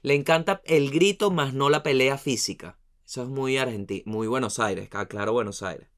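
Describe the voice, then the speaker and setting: A Venezuelan man spinning comic stories in a lively, swear-filled rush, dropping his voice to mumble asides between the punchlines. His pitch sits in an ordinary middle range. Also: normal speed. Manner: animated, slangy and profane, trailing off into muttered asides. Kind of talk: comic storytelling monologue.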